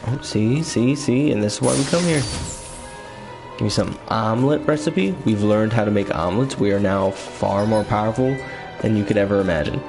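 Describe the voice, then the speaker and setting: Over game music, a man with a lowish, creaky voice talks at a moderate pace while playing a video game. His streamer commentary is casual, joking, self-mocking and chatty.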